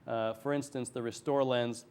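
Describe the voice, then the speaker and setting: A man's voice: mid-range voice, fairly even intonation, moderate pace, a little mellow, smooth. A man speaking as a medical expert in a TV interview, explaining things plainly and step by step. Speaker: eye surgeon, interview guest. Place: TV studio.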